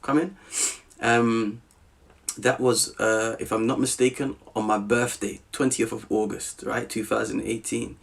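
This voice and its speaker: A man from Southeast London, with a South London accent, tells a personal story as a podcast guest in a lively, casual way, often checking that the listener is still with him. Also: fairly low pitch, unhurried, gravelly. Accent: South London English. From Southeast London, England. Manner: animated, checks in often with "you with me?".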